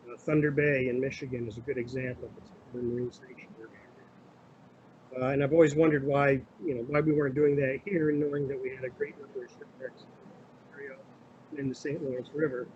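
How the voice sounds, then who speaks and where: Middle-aged man, crackly phone line fading in and out, dull lo-fi sound, faint hiss, halting formal talk. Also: mid-range voice, darkish tone. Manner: halting, with many filler sounds. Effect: crackly remote phone line, fading in and out. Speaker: county administrator. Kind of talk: formal presentation to a committee.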